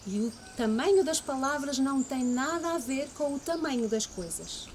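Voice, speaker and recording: A woman with a European Portuguese accent reading a story to children and then teaching a word game, slow, gentle and teacherly. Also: high voice, animated, a little hiss or hum. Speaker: library storyteller.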